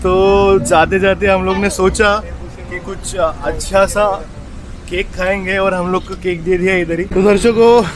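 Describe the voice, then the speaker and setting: A man's voice: high-pitched, steady tone, measured pace. A young man, chatting casually to viewers in a travel vlog, filmed on an action camera held at arm's length. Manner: chatty, mixing Hindi and English, talking to viewers. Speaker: travel vlogger. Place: car, roadside eateries and beaches, indoors and outdoors. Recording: noisy action-cam sound with traffic and wind.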